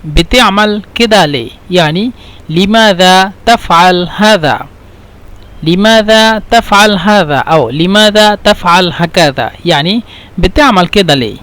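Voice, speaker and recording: Man, high voice, language teacher, patient and repetitive delivery. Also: animated, a bit bright. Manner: repeats phrases slowly, then translates into Standard Arabic and English. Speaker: Arabic teacher. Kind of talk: language lesson.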